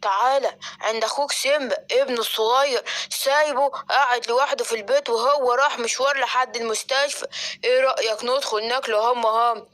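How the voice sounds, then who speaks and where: A woman's voice: on the high side, steady tone, a little fast, a bit bright, natural voice. A woman with an Egyptian accent voicing a greedy, scheming male fox who gloats in a children's story. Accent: Egyptian Arabic. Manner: sly and gloating.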